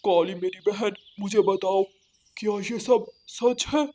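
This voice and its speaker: A woman's voice: mid-range voice, takes it slowly, mellow. A woman voicing a male crow in a cartoon, a worried brother and husband, earnest and a bit helpless.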